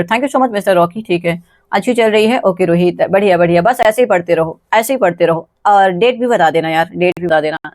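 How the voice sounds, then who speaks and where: A woman's voice: mid-range voice, dry recording, clean studio sound. Chatty Indian woman hosting a quiz. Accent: Indian English. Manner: chatty, thanks viewers by name, mixes Hindi and English. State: tired. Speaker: quiz host on a live stream. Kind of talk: casual live-stream quiz teaching.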